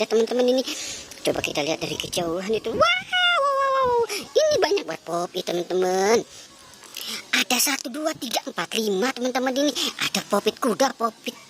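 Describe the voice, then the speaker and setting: A woman's voice: medium pitch, a bit bright, slight background noise. A woman narrating a children's toy adventure video at home, exclaiming "wow" constantly and calling out to her young viewers. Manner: constant "wow", addresses "teman-teman". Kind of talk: excited narration for kids. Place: at home, corner of a house.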